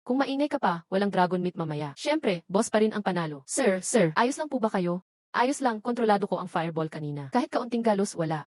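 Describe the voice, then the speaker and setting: A woman's voice: medium pitch, lively intonation, fairly quick, no echo. A woman reading all the roles of a dubbed short drama in one voice.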